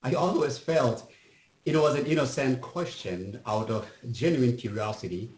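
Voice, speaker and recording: Middle-aged bangladeshi guy telling his story real slow and thoughtful, echoey hall sound. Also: medium pitch, darkish tone. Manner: measured, reflective, pauses with fillers. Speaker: speaker at a public event. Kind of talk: personal testimony speech.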